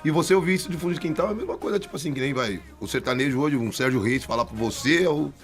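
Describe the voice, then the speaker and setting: A man's voice: on the high side, racing, soft background music. A man, a band's singer as an interview guest, telling stories chattily with frequent restarts. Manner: chatty, animated anecdotes with many restarts. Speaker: band vocalist, guest. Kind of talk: casual storytelling interview.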